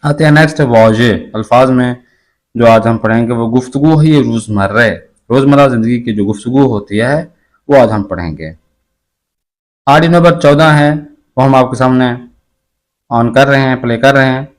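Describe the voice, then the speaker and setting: Man teaching from a textbook. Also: medium pitch. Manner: explains slowly, reads phrases aloud and glosses them. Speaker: Persian language teacher. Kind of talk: explaining a textbook lesson.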